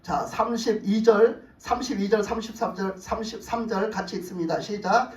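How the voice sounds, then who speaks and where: A male pastor preaching a sermon, retelling the story with animated acted voices and rhetorical questions to the congregation. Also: high-pitched, moderate pace, reverberant, distant mic, rough recording. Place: church sanctuary.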